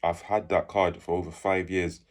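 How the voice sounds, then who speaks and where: Very deep-voiced man telling a story. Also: normal speed. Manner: animated, acts out quoted people in raised voices. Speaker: fitness channel host. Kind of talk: casual storytelling.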